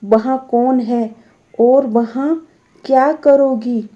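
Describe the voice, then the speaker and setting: Woman voicing a calm caring young son. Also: on the high side, very slow, dull audio. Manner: soothing.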